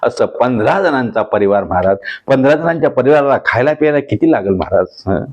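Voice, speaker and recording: A man's voice: medium pitch, expressive, darkish tone, dull audio. A man preaching a devotional sermon, addressing listeners respectfully and asking rhetorical questions. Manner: chants verses slowly. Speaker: Warkari preacher.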